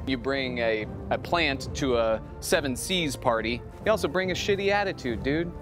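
An actor playing a brother who talks like a pirate and then pleads to stay close. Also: male voice, mid-range voice, animated, normal speed, music in the background, lightly acted. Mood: hurt pleading. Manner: boisterous pirate talk, then hurt and pleading. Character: brother clinging to pirate-day tradition.

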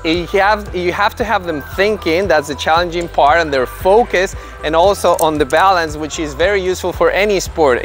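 A man in his thirties with a fairly high voice leads a children's tennis lesson. He switches between explaining drills to parents and calling out upbeat, encouraging commands to the kids. Faint music plays under his voice on a large indoor court. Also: fairly bright tone. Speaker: tennis coach. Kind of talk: instructional video narration.

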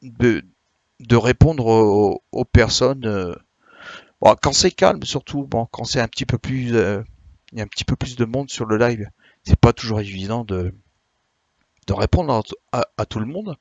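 A tired man chatting live with his stream viewers, filling his sentences with hesitations and restarts as he explains things. His voice sits at a middle pitch and sounds dry and close, with no room around it. He keeps a friendly, unhurried way of answering questions. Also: animated, a little mellow, dry recording, dull audio. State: a bit tired. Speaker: Twitch streamer.

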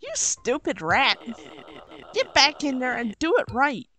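A woman's voice: high-pitched, big pitch swings, a little slow, sharp tone, voice pushed up, heavily acted. A woman putting on a barking Southern kitchen boss. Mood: scolding. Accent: put-on American Southern. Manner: barking, scolding orders. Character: gruff bossy man running a kitchen.

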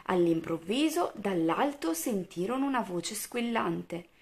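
A woman's voice: mid-range voice, gravelly. Woman reading a picture book to children. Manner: animated, acts out each animal and child with quick voice shifts; asides to the listening children.

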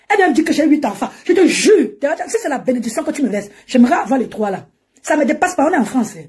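Laughing often, a woman rants and mocks during an animated Facebook live stream from home, talking into her phone. Her voice is high-pitched with a darkish tone.

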